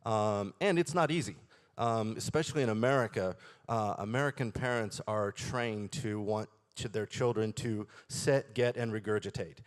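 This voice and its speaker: A man who heads a school, speaking on a conference panel in a steady, earnest way. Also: on the low side, moderate pace. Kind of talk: panel discussion.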